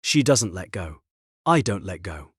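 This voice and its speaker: A man narrating a story in short, clipped, terse sentences with a husky voice. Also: low-pitched, sing-song, a little slow, no room sound, studio quality.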